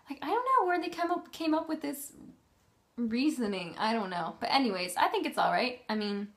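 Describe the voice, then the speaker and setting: A woman's voice: fairly high pitch, fairly bright tone. A woman from Canada with a Canadian accent, chatting casually in a vlog, rambling and filling gaps with "um" and "like.". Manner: rambling, full of "um" and "like", loses her thread. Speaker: vlogger.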